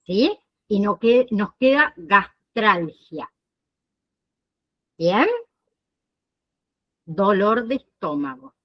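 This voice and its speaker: A woman instructor teaching an online nursing class, explaining slowly and often pausing to check that students follow. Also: medium pitch, lively intonation, dull audio. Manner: explains slowly, checks understanding with frequent "¿sí?" and "¿bien?".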